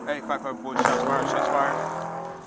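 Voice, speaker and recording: A man's voice: mid-range voice, level tone, measured pace, vocal fry. A man, a police deputy, calling in urgently over a police radio, speaking in clipped, repeated phrases. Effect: police radio transmission. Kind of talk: urgent dispatch call. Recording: loud noisy radio from afar.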